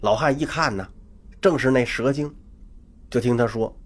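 A man telling a traditional Chinese story, dramatic and animated, with vocal sound effects. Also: medium pitch, moderate pace.

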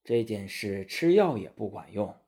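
A calm, knowing court official voiced by a man in a storybook tale, speaking low and quiet with steady reassurance. His husky tone stays unhurried. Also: heavily acted. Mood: reassuring.

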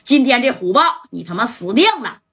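A woman voicing a brash, vengeful male gang enforcer who boasts and threatens loudly. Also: fairly high pitch, animated, fairly quick, slightly rough, full character voice. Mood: threatening.

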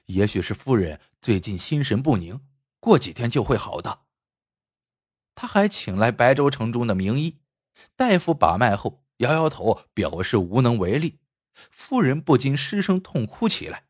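A man telling a traditional folk tale in an expressive, rising and falling storytelling voice. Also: mid-range voice, breathy edge, dry recording, studio quality.

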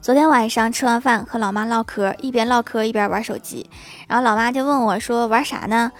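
With faint music behind her, a young comedic storyteller narrates scripted jokes in a brisk voice on the high side. Her short, funny tales are playful and self-deprecating, sprinkled with laughing asides.

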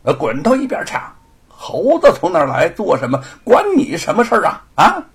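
A man voicing an arrogant, bullying imperial soldier who barks gruffly in a raised, husky voice. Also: fairly high pitch, huge pitch swings, fairly quick, pitched above the performer's own voice, full character voice. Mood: scornful. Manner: gruff, shouting and swaggering.

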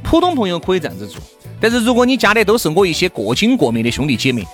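A man's voice: high-pitched, wildly swooping pitch, rapid-fire, fairly bright tone, faint music behind. A man with a Sichuanese accent, lecturing animatedly in casual chat.

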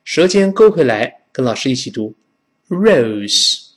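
A middle-aged man from China teaching a spoken English lesson, demonstrating pronunciation slowly and repeatedly. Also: mid-range voice, big pitch swings, darkish tone.

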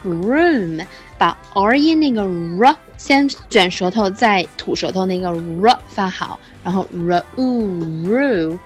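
A woman teaching English pronunciation in an online class, patient, saying words slowly and praising her students. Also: mid-range voice, lively intonation, lo-fi sound, soft background music.

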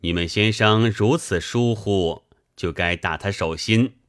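A man voicing an elderly, learned sailor who lectures and teases in a measured way. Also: fairly low pitch, a bit bright. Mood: wry.

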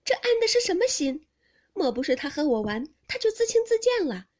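A woman reading a classic novel aloud, voicing a sharp-tongued, touchy young noblewoman whose reproaches climb high. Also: animated, a little slow. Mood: reproachful. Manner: reproachful, pitch climbs steeply.

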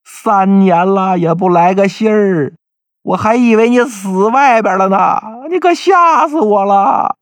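A man voicing a middle-aged village wife who wails and scolds in drawn-out phrases. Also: a little high, huge pitch swings, dry recording, exaggerated voice. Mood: wailing.

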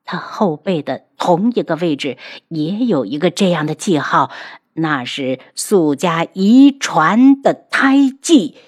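Slow, low-voiced woman narrating. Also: lively intonation, no room sound, clean studio sound. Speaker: audiobook narrator. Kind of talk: scripted web novel narration.

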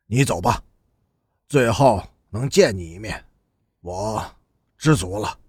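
A man reading an audiobook and voicing a tearful, despairing young man in a low, choked, pleading delivery. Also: very animated, unhurried, breathy edge, no echo, studio quality, exaggerated voice. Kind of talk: audiobook character voice.

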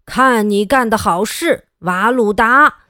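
A woman's voice: a little high, takes it slowly, bright, forceful tone, no echo, clean studio sound. A woman doing a bold superhero dad. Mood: commanding. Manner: commanding, declaiming. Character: heroic superhero dad, bold but clumsy.

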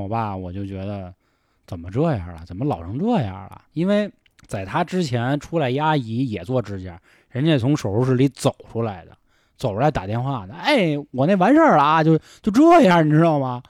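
A man's voice: medium pitch, sing-song, brisk, a little mellow, no room sound, studio quality. Frank, swearing man chatting. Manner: frank, swears a lot, reflective. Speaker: podcast host. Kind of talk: casual chat.

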